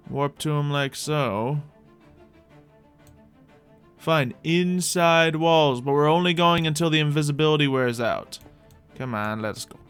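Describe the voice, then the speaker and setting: Over background music, a man hosts a Minecraft roleplay gameplay video, rambling casually to viewers and often repeating his own phrases. His voice sits a little high, with a clean, fairly bright tone.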